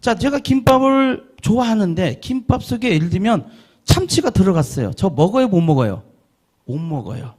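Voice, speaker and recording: A middle-aged man gives a lecture on learning English. His voice sits high and swings widely up and down. He asks the audience questions and answers them himself, and he repeats short practice words aloud. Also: big pitch swings, moderate pace, darkish tone. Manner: drills English vowel sounds aloud.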